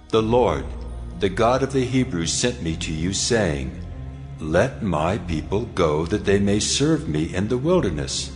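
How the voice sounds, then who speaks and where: Deep, commanding voice of God. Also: male voice. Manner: solemn, authoritative, measured. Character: God, commanding solemn male divine voice. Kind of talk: dramatized scripture reading.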